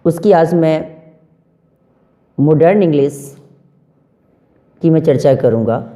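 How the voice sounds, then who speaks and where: A man's voice: on the high side, animated, slow, dark tone. A man teaching a video lesson, listing words one at a time and asking and answering his own questions. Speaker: English teacher. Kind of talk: classroom-style video lesson.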